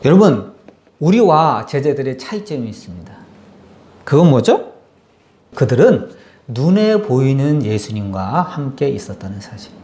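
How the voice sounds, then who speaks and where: Animated pastor in an echoey church. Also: male voice, medium pitch, measured pace. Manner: animated storytelling, swinging from loud to hushed. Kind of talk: sermon.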